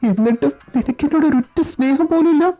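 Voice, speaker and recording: A woman voicing a hurt, jealous young male best friend in an audio story drama, in a high, accusing voice. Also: fast, dark tone, faint music behind, natural voice. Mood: wounded. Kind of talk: audio story drama with one reader voicing all roles.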